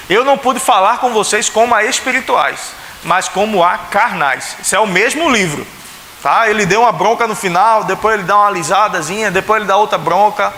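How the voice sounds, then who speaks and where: A male preacher speaking Portuguese with a Pernambuco accent delivers a sermon in a church, his voice high, bright and forceful. He chats with the crowd, asks rhetorical questions, and performs the voices he quotes. The recording has echoey church acoustics and faint hiss.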